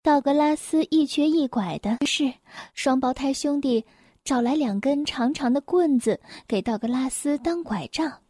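Woman storyteller, children's picture book, high voice, gentle and expressive, dry close sound. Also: dry recording. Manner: gentle, clear, slow and expressive.

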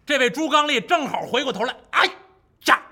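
Lively male storyteller. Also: extremely high pitch, fast talker. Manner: vivid, with sound effects. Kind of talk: traditional storytelling.

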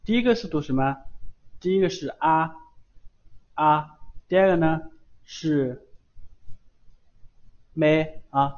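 A man teaching beginners, patiently repeating each sound several times and adding chatty filler particles. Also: fairly high pitch. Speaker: Japanese language teacher. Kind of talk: online lesson, writing on screen. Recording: dull lo-fi voice recording.

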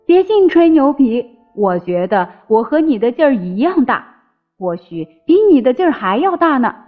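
A woman's voice: high voice, sing-song, moderate pace. A woman voicing a brash, fearless young man in a storybook reading. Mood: cocky. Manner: cocky, brash. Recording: slightly dull with faint music.

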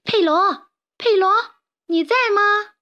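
A woman voicing a fiery, bossy young hen chick who shouts indignantly in a children's storybook. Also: high voice, animated, normal speed, no echo, highs cut off, voice pushed up. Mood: shouting.

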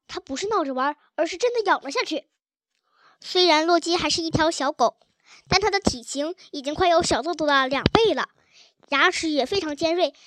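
A woman narrating a children's storybook chapter with a gentle, expressive reading. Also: very high voice, dry recording. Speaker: audiobook narrator.

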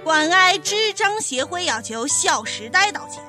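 A woman's voice: very high voice, sing-song, unhurried, bright, forceful tone, faint music behind, full character voice. A woman playing a stern, huffy association spokesperson in a comic skit, accusatory and declamatory, with a Shaanxi accent. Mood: accusing, demanding.

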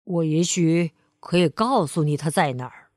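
A woman voicing a gloomy, self-important male crow who calls himself a sage, speaking slowly and solemnly. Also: low-pitched, a little mellow, no echo, studio quality, pitched below the performer's own voice, lightly acted. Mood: pompous. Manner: solemn, slow and mournful.

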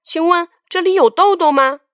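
A woman voicing a curious, stubborn little boy in a children's story, with high, loud, excited calling. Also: moderate pace, no room sound, studio quality. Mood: eager.

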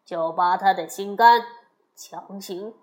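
Storybook villain: a cunning demon adviser, low and pushy, played by a woman reader. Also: slow pace, natural voice. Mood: scheming. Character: scheming demon posing as royal adviser. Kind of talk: children's storybook voice acting.

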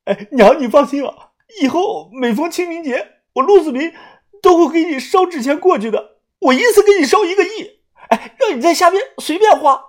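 A brash young treasure digger who swears freely and whines loudly, as a woman reader puts him on. The voice sits high and husky and swings wildly in pitch. It is a storybook character voice. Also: wildly swooping pitch, normal speed, full character voice. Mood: mock wailing. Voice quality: coarse, swearing. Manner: loud, whiny, dramatic. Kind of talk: audiobook character voice.

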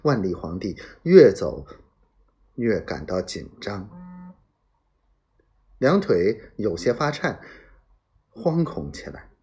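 A man reading a serialized historical novel aloud as a storyteller, dramatic and acting out sound effects in hushed whispers. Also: fairly low pitch, big pitch swings, slow, pauses often.

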